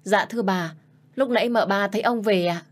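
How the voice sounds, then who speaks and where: A woman's voice: medium pitch, brisk, pitched above the performer's own voice, natural voice. A woman voicing a caring, polite housemaid. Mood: concerned. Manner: polite and soothing. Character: caring, anxious female housemaid.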